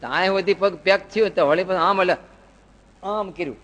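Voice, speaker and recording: Guy preaching, keeps asking the crowd questions, slightly high voice, long hall echo. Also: fairly quick, fairly bright tone, highs cut off. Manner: rhetorical questions and folksy anecdotes. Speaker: spiritual teacher. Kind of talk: devotional sermon.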